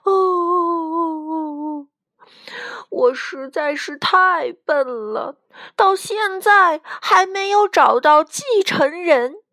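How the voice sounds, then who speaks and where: A frail, weary old grandfather storyteller, voiced by a woman reading aloud, talks in slow, sighing phrases. The voice swings widely in pitch. The recording is close and dry. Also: big pitch swings, fairly bright tone, no echo, exaggerated voice. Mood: weary sad.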